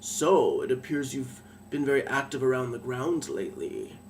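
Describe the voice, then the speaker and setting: A man's voice: medium pitch, big pitch swings, normal speed, a little mellow. A man voicing a smirking, sinister aristocratic male lord with a mock-innocent sneer, on a distant mic with faint noise.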